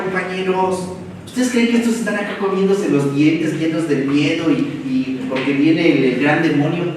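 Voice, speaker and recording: A Mexican man lectures a seminar in a big, echoey room, standing well back from the mic. His voice sits a little high for a man. He drives his points with rapid rhetorical questions and slangy asides, over a faint hiss of background noise. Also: distant mic. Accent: Mexican Spanish.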